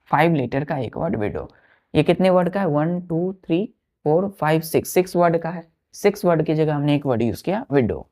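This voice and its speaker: A woman's voice: deep voice, expressive, normal speed, dark tone. A woman teacher gives a vocabulary lesson, spelling words letter by letter and counting aloud. She repeats each word and keeps checking that her students follow.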